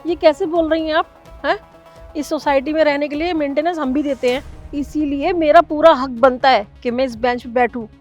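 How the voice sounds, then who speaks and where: A woman's voice: high-pitched, moderate pace, faint music behind, lightly acted. A woman playing an earnest, indignant neighbor. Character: hurt, dignified neighbor woman, heavyset.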